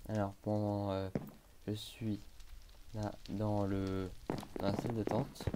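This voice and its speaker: A young man talking slowly through a hide-and-seek game, his voice sitting a little low. He hesitates often, stacks up fillers, mutters to himself and now and then yelps in alarm. A faint hiss runs under the recording. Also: level tone, mellow. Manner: hesitant, many fillers, talks to himself, bursts of panicked exclamations. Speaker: gaming YouTuber. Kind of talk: casual gameplay commentary.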